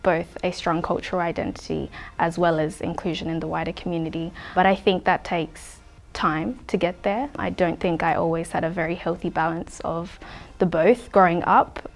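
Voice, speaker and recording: A young woman from Afghanistan, giving earnest, reflective interview answers with soft pauses. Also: on the low side, level tone, creaky.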